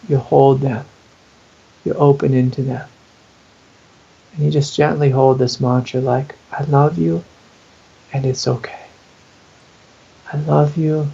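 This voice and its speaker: A man's voice: medium pitch, vocal fry, mellow, muffled recording. A man who is a spiritual teacher, answering in an interview in an earnest, intimate way and sometimes acting out the inner voices he describes.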